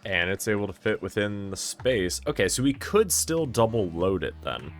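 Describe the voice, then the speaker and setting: A man's voice: on the low side, big pitch swings, normal speed, faint music behind. A man giving casual gameplay commentary, thinking aloud and correcting himself as he plans, sounding tired and yawning at times. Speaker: gameplay streamer.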